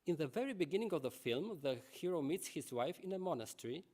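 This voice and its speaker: A man giving a conference lecture. He reads a prepared text at a measured pace and adds asides to the audience. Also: fairly high pitch, expressive, darkish tone.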